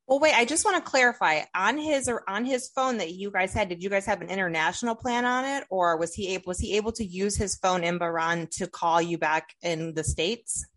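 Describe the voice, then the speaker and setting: A woman's voice: medium pitch, fairly quick, few pauses, fairly bright tone. A woman podcast host interviewing a guest with careful, clarifying questions.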